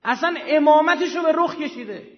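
A high-pitched man gives a live lecture with emphatic delivery, often stopping to quiz his listeners. His voice rings with a long reverb, as in a large hall. The recording sounds dull and lo-fi. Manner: emphatic, quizzes listeners with quick questions.

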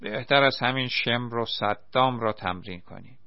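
A man's voice: gravelly, dry recording, highs cut off, close to an everyday voice. A man voicing a big, bearded, timid young volunteer who cries out in fright. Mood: naive. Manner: frightened, high-pitched cries.

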